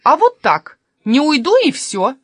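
Bossy, sharp-tongued aunt for a children's story, voiced by a woman, dry close sound. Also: sits high, sing-song, unhurried, dry recording, voice pushed up. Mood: stubborn. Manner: sharp, commanding, scolding. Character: strict bossy aunt who rules the house. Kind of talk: storybook reading.

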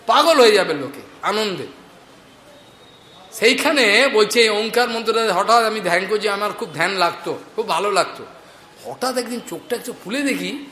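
Bright-voiced Bengali preacher in an echoey hall. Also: male voice, high voice. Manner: earnest, anecdotal, addressing the audience directly. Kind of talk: devotional scripture talk. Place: lecture hall in a market space. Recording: echoey hall recording with faint noise.

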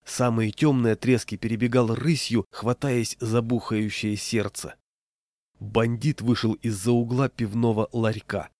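A man's voice: medium pitch, level tone, unhurried, darkish tone, dry recording. A man narrating a humorous first-person story in a wry storytelling manner, close to the mic. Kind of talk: storytelling reading.

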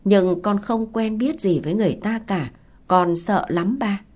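A woman voicing a frightened, tearful young village girl who pleads in a higher, softer voice. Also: measured pace, lightly acted. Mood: pleading.

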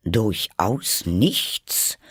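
A man's voice: lowish voice, very animated, takes it slowly, fairly bright tone, husky, no room sound, studio quality, heavily acted. A man voicing a fussy, pompous storybook king who blusters and then mutters hastily. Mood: pressing. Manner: blustering, drops to a hasty mutter.

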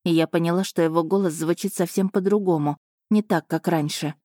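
A woman narrating an audiobook in the first person at an even, measured pace, close to the mic. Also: fairly low pitch, dry recording.

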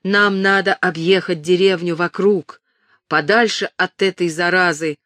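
A woman voicing a frightened, flustered older male merchant who shouts and pleads in panic. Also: sits high, steady tone, a little slow, dry recording. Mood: panicked.

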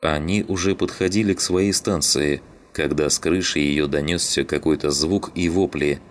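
A man narrating an audiobook with an exceptionally deep, low voice. His delivery is steady and measured, carrying the story along calmly. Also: slight background noise.

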